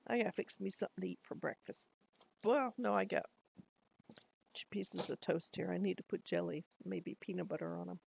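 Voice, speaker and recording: Middle-aged woman, gravelly voice, rambling home vlog chat, laughs a lot. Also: on the low side, a little fast, a little mellow, slight background noise, low-quality recording. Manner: rambling, chatty, laughs often. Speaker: lifestyle vlogger. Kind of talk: casual chat to camera. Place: at home, indoors.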